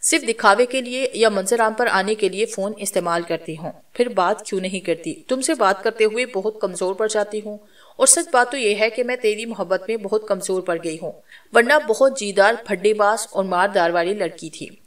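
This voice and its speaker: A woman's voice: mid-range voice, moderate pace, far from the mic, natural voice. A woman reading as a bold young woman with spiritual powers.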